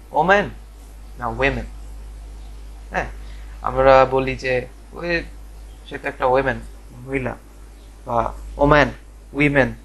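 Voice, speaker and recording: Slow-talking man teaching English pronunciation. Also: mid-range voice, gravelly, fairly bright tone, low-quality recording. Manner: slow, repeats words and spells them letter by letter; drawn-out fillers and pauses. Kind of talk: live online pronunciation class.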